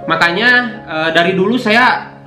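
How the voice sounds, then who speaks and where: A young motovlogger YouTuber whose voice sits high talks at normal speed, casually showing his motorbike vlogging gear to camera in an unboxing. He's slangy, says "cuy" constantly and piles on fillers. The audio is echoey, with guitar music behind him.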